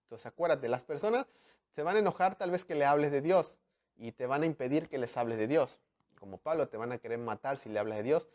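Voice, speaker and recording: A man, preaching a sermon in an animated way, acting out dialogue and swinging from loud to hushed. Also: medium pitch. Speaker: pastor.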